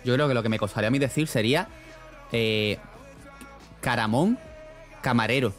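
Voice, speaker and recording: Young male streamer, loose rambling chat to viewers, medium pitch, soft music bed. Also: moderate pace. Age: young adult. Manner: rambling, slangy, laughs often. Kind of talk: casual chat reading live chat.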